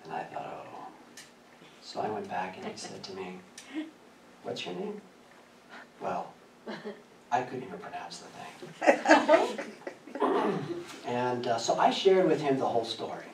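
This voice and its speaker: A man preaching a sermon, telling a personal story in a lively way and often laughing as he speaks. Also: medium pitch, measured pace, vocal fry, pauses often, slight background noise. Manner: animated, laughing through his story. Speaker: pastor. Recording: echoey church from a distance.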